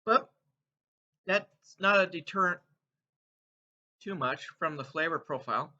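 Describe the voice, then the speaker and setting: Male snack reviewer, high forceful voice, chatty and playful with viewers while crunching chips, slightly dull lo-fi recording. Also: unhurried. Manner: eats crunchy chips between remarks. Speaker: food taste-test reviewer and host. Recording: dull, muffled lo-fi sound.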